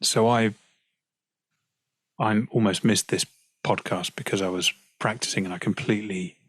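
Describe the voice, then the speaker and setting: A man with a British accent, a guest singer-songwriter chatting casually in an interview from home, relaxed and quick to laugh. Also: fairly low pitch, dry recording. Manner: relaxed, chatty, laughs easily, frequent "you know". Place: at home practicing, on a call.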